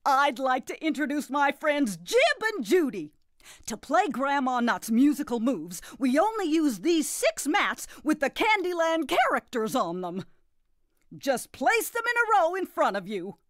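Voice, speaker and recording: In a clean studio recording with no room sound, a woman plays a jolly, doting, slightly nutty grandmother hosting a children's game. Her high, sing-song voice moves at a measured pace, folksy and gleeful, full of exclamations. The animated narration is cheerful and instructive.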